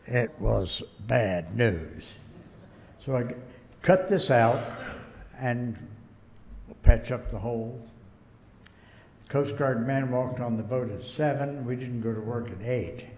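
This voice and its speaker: Older man, folksy rambling storyteller, booming hall reverb, faint noise. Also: takes it slowly, pauses often, a little mellow. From United States. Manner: folksy, rambling, chuckles at own stories. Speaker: guest speaker. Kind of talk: anecdotal storytelling speech.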